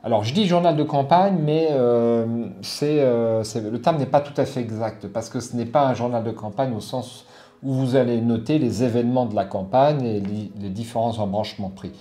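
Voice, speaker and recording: A man's voice: medium pitch, normal speed, warm tone. A middle-aged man hosting a board game channel, giving a casual product review full of fillers and restarts. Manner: hesitant, many fillers and restarts.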